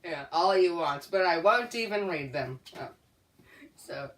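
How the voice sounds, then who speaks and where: Lower-voiced woman telling a story, lots of uhs, roomy echo, far from the mic. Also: lively intonation, measured pace, a bit bright. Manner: hesitant, full of uhs and restarts, laughs easily. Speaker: co-host. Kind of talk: casual storytelling game chat.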